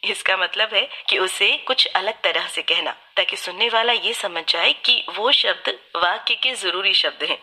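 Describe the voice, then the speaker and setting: Bright-voiced woman narrating a summary. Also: medium pitch, a little slow, few pauses, slightly rough. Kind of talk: scripted narration.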